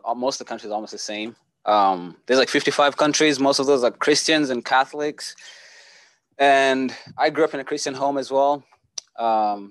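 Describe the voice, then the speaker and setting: A man's voice: mid-range voice, dry recording. Earnest young man from Kenya. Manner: earnest, relaxed, many fillers. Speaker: church member giving testimony. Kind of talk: casual testimony talk.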